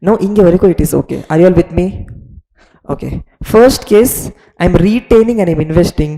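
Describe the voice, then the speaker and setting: A woman's voice: lowish voice, animated, racing, dark tone, poor audio. A woman with a South Indian Tamil accent teaching finance in a lecture, switching between English and Tamil, with an emphatic, repetitive manner that keeps checking understanding.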